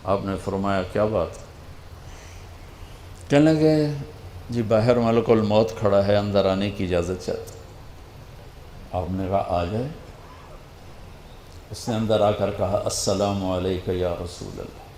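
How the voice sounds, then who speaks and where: An older man preaching an emotional sermon, telling a story with dramatic swings and dropping to a hush for quoted lines. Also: on the low side, pauses often, roomy sound, a little hiss or hum. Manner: dramatic, quotes figures in a hushed voice.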